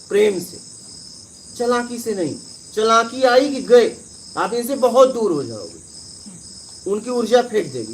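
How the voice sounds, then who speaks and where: A man's voice: high voice, slight background noise. A man giving a conversational spiritual discourse, telling parables and often checking in with his listeners. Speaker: spiritual teacher.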